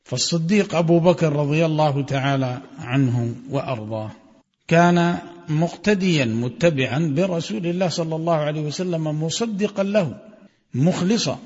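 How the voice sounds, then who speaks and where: Man, religious lesson, slightly high voice, measured explanation, chanted quotes, long hall reverb, muffled sound. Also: a little mellow, slightly rough. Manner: measured, recites quoted passages with melodic chanting. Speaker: religious teacher. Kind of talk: reading and explaining a religious text.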